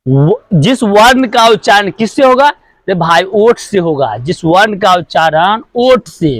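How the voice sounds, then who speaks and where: In a dry recording, a male teacher with a high voice delivers a grammar lesson. He repeats each point, answers the questions he asks, and drills sounds one by one.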